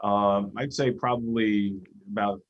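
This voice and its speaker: A man's voice: on the low side, steady tone, measured pace, dull audio. An older man with a heavy Brooklyn accent chatting casually on the radio, often repeating his opening words. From Flushing, Queens, New York. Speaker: radio guest, financial professional.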